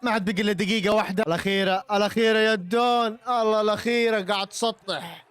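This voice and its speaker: A young Saudi man with a Gulf Arabic accent, reacting loudly to a football match as a streamer, shouting and teasing rival fans. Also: sits high, steady tone, racing, clean tone. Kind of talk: excited live match reaction.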